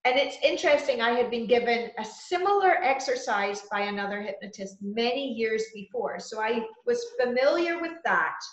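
A woman talking as an interview guest, telling spiritual experiences in an earnest, unhurried, conversational way. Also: on the high side, animated. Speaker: interview guest, trance channeler and healer. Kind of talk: conversational first-person spiritual storytelling. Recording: muffled, roomy, echoing audio.

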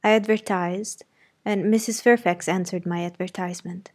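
Low-voiced woman narrating a classic novel. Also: fairly even intonation, moderate pace. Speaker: audiobook narrator. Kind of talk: first-person literary narration.

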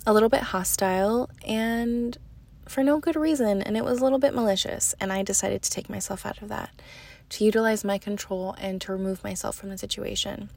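A young woman telling a casual story on her podcast, chatty and full of "like", sometimes dropping to a soft whisper. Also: mid-range voice, steady tone, brisk, gravelly. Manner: chatty, heavy use of "like", drops to soft whispers. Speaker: podcast host.

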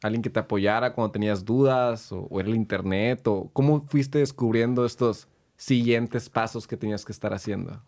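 A man's voice: lowish voice, normal speed, a little mellow. A man with a Mexican accent hosting a casual interview and asking curious, open questions. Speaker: host.

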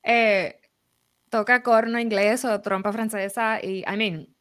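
A woman, interviewing a guest in a relaxed chat, talkative and quick to laugh. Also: mid-range voice, clear, resonant tone, dry recording, clean studio sound. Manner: warm, talkative, laughs often and mimics others. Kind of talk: casual conversational interview.

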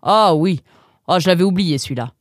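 A man's voice: high voice, animated, brisk, dry recording, studio quality. A man voicing a teasing, joking father in a storybook. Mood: jokey. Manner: jokey, teasing.

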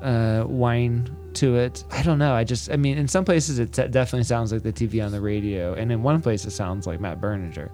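A man co-hosting a podcast, chatting casually about an album with relaxed jokes and halting fillers. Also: mid-range voice, faint music behind. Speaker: podcast co-host. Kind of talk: casual music review chat.

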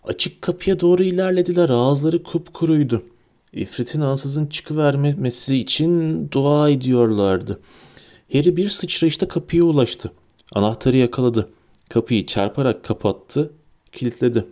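A man narrating a storybook in a lively, dramatic reading. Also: fairly high pitch, measured pace. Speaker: audiobook narrator.

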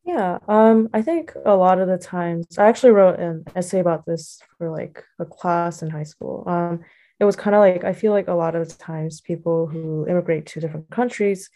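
A young adult American college student answers interview questions casually and reflectively, hesitating and phrasing things loosely with lots of "like" and "you know." Her voice is lowish and mellow, at normal speed.

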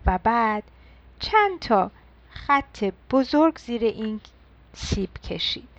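A woman telling a children's story in a gentle, affectionate way to young listeners. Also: on the high side, very animated, no room sound, lo-fi sound.

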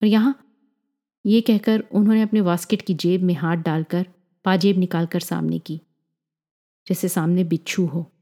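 A woman reading a story aloud in a measured, even storytelling manner, as the host of a story channel. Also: on the low side. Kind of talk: scripted story narration.

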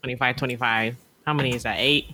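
A woman's voice: a bass voice, fairly even intonation, fast, pushed and bright, slight background noise. A young woman co-hosting a casual chat, teasing and laughing along. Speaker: co-host.

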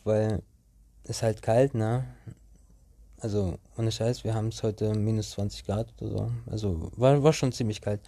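A man's voice: medium pitch, dark tone, dry recording. A young man telling a story to his viewers in a casual, rambling way, full of slang and restarts.

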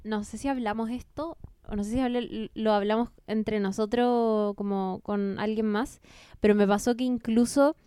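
A Chilean woman co-hosting a podcast, chatting casually with animated, slang-filled asides. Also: mid-range voice, normal speed, clean tone, no room sound. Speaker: podcast co-host. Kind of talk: casual chat.

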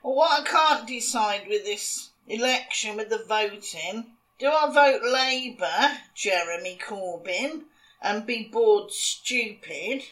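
A woman's voice: a little high, lively intonation, slow pace, a bit bright, poor audio. A middle-aged or older British woman co-hosting a comic podcast in casual chat, with dry, cheeky asides. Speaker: podcast co-host.

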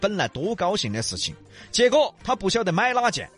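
A man with a Sichuan accent telling animated comic stories in a dialect double act, often mimicking others. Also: high-pitched, a little fast, slightly rough, soft background music. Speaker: comic performer.

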